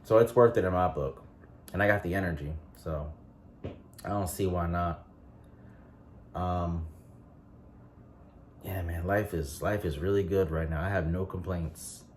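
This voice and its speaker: A man's voice: sits low, unhurried, pauses often, a little hiss or hum. A man in his late twenties chatting casually in a vlog, rambling with lots of ums and restarts. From North Carolina. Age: 20s. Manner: relaxed rambling with frequent fillers and restarts. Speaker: vlogger.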